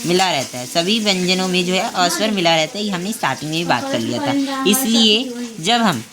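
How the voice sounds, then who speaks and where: A woman teaching a grammar class online, explaining step by step and pausing to check the class is following. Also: lowish voice, lively intonation, over a noisy crowd. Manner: spells out sounds slowly, one by one.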